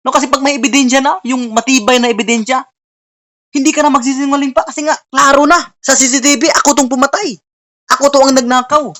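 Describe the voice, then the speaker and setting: A woman's voice: sits high, steady tone, quick pace, a bit bright. A woman preaching earnestly at an online Bible study over a video call, often tagging her lines with a questioning "no?". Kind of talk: online sermon.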